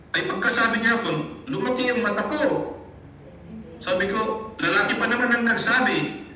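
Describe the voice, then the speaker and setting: The sermon comes from a Filipino pastor whose voice sits high and sounds pushed and bright. He mixes Tagalog with English in his teaching and often calls out to his brothers and sisters. It's captured in an echoey room with a far-off mic and slight hiss.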